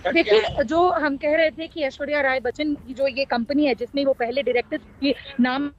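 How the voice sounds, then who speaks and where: A reporter calling in live from the field, picking up the story partway through. The voice is high, and it comes through a muffled remote link with faint hiss underneath. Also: fairly even intonation, normal speed.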